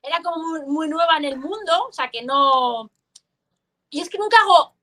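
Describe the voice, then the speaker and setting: A woman's voice: high-pitched, normal speed. A woman, a guest writer chatting expressively in an interview over a video call, often restarting her sentences. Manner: expressive, frequent restarts and fillers. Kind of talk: casual interview chat.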